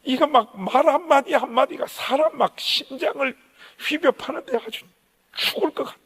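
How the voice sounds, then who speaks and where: A man preaching at a revival service who tells a story with a fairly high voice and lots of feeling. He acts out what people said as he goes. His voice rings through a church hall with a long reverb tail. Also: normal speed, fairly bright tone. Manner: emotional, vivid storytelling with acted quotes. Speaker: pastor. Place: church sanctuary.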